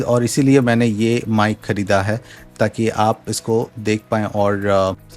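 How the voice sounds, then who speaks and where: A man's voice: mid-range voice, a little mellow. A man giving a casual product demo at home, explaining settings step by step and mixing in English phrases. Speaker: tech reviewer. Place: home room with a fan running. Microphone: studio USB mic at varying distance.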